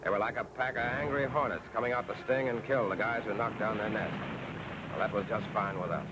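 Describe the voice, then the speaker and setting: An American man narrates a scripted 1940s wartime newsreel in a punchy, colloquial, patriotic style, his voice lowish, steady, and fairly quick. The noisy 1940s film soundtrack includes artillery.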